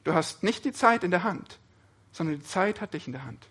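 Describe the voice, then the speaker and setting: Male preacher with a high, bright voice; earnest sermon delivery full of rhetorical questions. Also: animated, a little fast, slightly rough.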